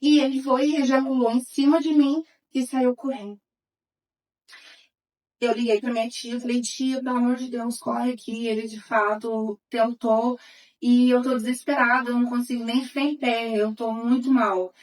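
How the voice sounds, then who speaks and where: A woman guest with a somewhat high voice recounts her own past in an interview. She speaks earnestly, her voice dropping to a hush and then rising again as she tells it. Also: steady tone, moderate pace, low-quality recording. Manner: earnest, voice swinging between hushed and raised. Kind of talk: emotional personal testimony.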